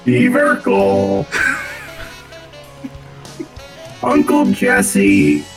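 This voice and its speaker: A man's voice: wildly swooping pitch, creaky, soft background music, exaggerated voice. A man on a comedy podcast voicing a stiff robot announcer who calls out a show lineup and stops to say "computing.". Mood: announcing. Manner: slow, deliberate announcing with big pitch jumps, says "computing". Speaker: podcast co-host. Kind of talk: casual comedy podcast chat.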